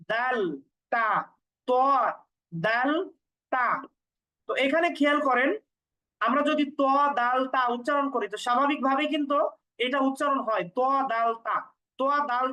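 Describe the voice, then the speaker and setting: A woman teaching Quran pronunciation step by step, patiently explaining and repeating each sound slowly for learners. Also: sits high, fairly bright tone, rough recording.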